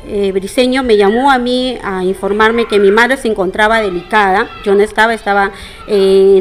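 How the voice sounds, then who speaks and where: A middle-aged woman making an indignant, formal public statement, addressing her townspeople directly. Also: on the high side. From Peru. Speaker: interviewee.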